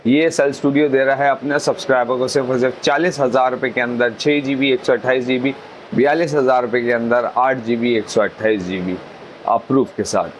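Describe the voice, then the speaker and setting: Pakistani salesman pitching over background noise. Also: steady tone, fairly quick, rough recording. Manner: repetitive, salesman-like patter. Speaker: mobile phone shop presenter. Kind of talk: promotional sales pitch listing phone models and prices.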